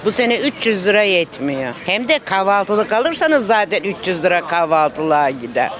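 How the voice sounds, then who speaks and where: A woman's voice: medium pitch, big pitch swings, normal speed, a bit bright. A woman shopping at an outdoor street market, answering a street interview in an exasperated, complaining way. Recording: busy outdoor market crowd noise.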